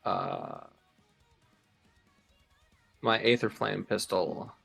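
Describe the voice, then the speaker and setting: A man playing a tabletop game, hesitant and slow, swearing casually. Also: lowish voice, lively intonation, gravelly, fairly bright tone, husky, faint music behind. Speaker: player.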